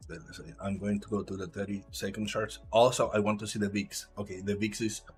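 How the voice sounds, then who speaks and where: A man from Puerto Rico with a Puerto Rican Spanish accent and Spanish as his first language, giving halting live trading commentary while he reads the chart aloud. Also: lowish voice, steady tone, a little mellow, soft background music. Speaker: live trader.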